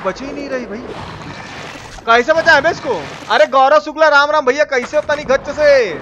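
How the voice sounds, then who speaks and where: The streamer's voice is very high-pitched and moves at a normal speed, though the audio sounds dull. He gives slangy, laid-back live commentary, complaining about the game and talking with viewers, while game sound effects and noise play beneath him.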